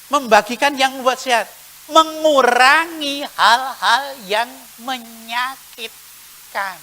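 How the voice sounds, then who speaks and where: Bright-voiced priest preaching. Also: male voice, extremely high pitch, slow pace, poor audio. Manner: repetitive rhetorical lists, folksy humor. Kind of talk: sermon.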